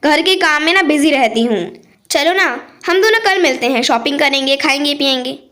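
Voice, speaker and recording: A woman's voice: high-pitched, animated, moderate pace, a bit bright. A woman voicing a chatty, breezy young female friend on a phone call in a storybook tale.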